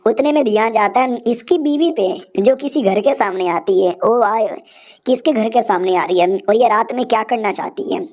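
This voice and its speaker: A woman retells a comic chapter in a relaxed, chatty recap, full of slang and asides. Her voice sits notably high. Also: moderate pace. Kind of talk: casual comic story recap.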